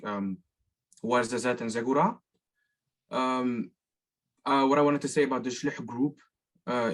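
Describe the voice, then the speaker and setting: A young man of eighteen from southeastern Morocco introduces himself on a video call. He speaks politely and pauses often with fillers. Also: medium pitch. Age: teens. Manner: hesitant, polite. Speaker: panel guest.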